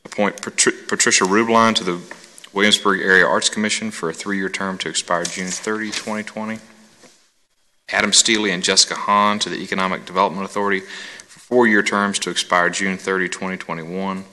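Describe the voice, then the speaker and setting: Man, council member, low voice, bright edge, reading motions, echoing chamber. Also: steady tone. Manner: brisk, formal motion reading. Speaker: council member, vice mayor. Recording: long reverb of council chamber.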